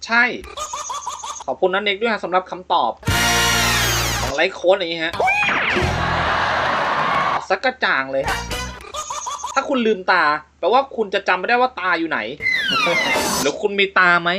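A man's voice: sits high, sing-song, a little slow, pauses often, over loud music. A man hosting a comedy channel, reacting to funny clips in crude, joking banter and laughing often. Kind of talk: casual comedic commentary.

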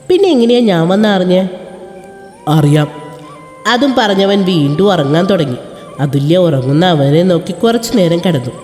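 A woman's voice: fairly low pitch, a little mellow. Woman narrating a romance, echoey. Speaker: story narrator. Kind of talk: scripted story narration. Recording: echoey reverb with faint music.

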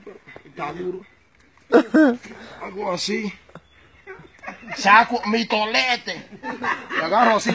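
A man with a Dominican accent telling a comic story in a casual, animated way, acting out the scenes. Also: high-pitched. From Dominican Republic. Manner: animated, acts out the scenes he tells.

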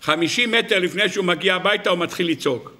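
A rabbi delivering a sermon, telling a parable in an animated, dramatic way and speaking directly to his audience. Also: high-pitched. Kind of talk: sermon storytelling.

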